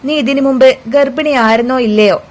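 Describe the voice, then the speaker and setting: A woman's voice: high-pitched, normal speed, natural voice. Chandramathi, a woman doing a furious mother-in-law. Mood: angry. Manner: harsh, demanding, interrogating. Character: furious domineering middle-aged mother-in-law.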